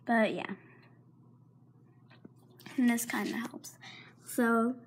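Drawing out her words in a steady, somewhat high voice, a teenage girl with a sore throat rambles and apologizes, frequently half-whispering, in a casual pet vlog. It's shot on a handheld phone indoors in a carpeted home room, with a slight hiss or hum.

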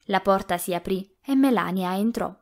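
A woman reading a novel aloud as an audiobook narrator, in a measured, expressive way. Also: mid-range voice. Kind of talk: scripted narration.

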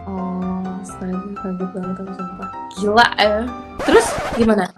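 A woman's voice: medium pitch, fairly even intonation, moderate pace, music in the background. A young woman, chatting casually over a video call. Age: young adult. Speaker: stranger on a video chat. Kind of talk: casual chat. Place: indoor room. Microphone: device mic on video call.

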